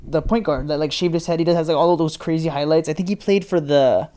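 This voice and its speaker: Young male co-host, higher-pitched, playful teasing, runs the questions. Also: dark tone. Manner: teasing, quick to laugh, asks the questions. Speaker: podcast co-host. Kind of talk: casual chat.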